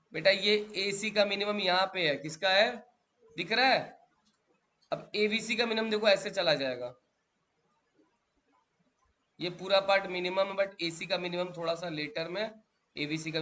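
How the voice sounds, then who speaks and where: A man's voice: high voice, bright, forceful tone. A male teacher lecturing a class, drilling students with repeated questions and calling them beta.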